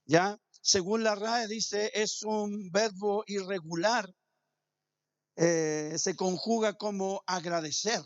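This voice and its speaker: A man's voice: high-pitched, steady tone, takes it slowly, dry recording, muffled recording. A man preaching a sermon as pastor, punctuating his points with "amén" and "¿cierto?". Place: church.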